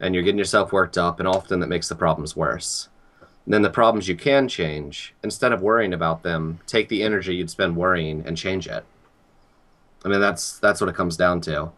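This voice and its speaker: A young man talking calmly and earnestly about life and worry in a casual chat. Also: sits low, moderate pace. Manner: calm, earnest, reflective. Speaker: guest.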